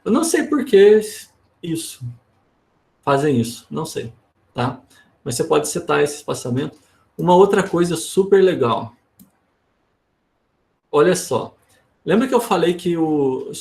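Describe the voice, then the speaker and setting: A man with a Brazilian Portuguese accent teaching an online workshop. His voice sits somewhat high and has a gravelly edge. He explains in a relaxed way and keeps checking in with his listeners. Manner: casual, explanatory, frequent tag questions. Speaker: instructor.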